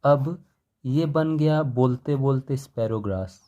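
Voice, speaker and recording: Young male teacher, mellow low timbre, slow dictated definitions between casual explanation. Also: dull audio. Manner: dictates definitions slowly, explains in Hindi-English mix. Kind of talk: exam-focused lecture.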